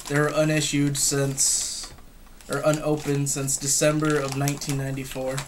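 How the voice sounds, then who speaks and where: A man's voice: fairly high pitch, monotone, normal speed. A young man giving a casual, unscripted gear review at home, hesitant and matter-of-fact, picked up by a camera across a table. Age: young adult. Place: room at home, indoors. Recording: clearly noisy home recording with clicks.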